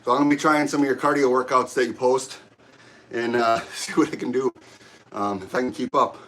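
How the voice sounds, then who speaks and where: A middle-aged man, out of breath, chatting casually with viewers of his livestream during a gym workout, halting and rambling with many restarts. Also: medium pitch, fairly even intonation, fairly bright tone. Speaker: livestream host. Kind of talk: casual chat while working out on a livestream. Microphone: camera set up nearby.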